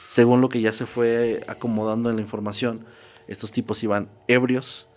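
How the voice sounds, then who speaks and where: A man's voice: mid-range voice, flat delivery, normal speed, darkish tone. A man narrating a true horror story in a casual, conversational podcast style. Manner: conversational, checks in with "¿no?".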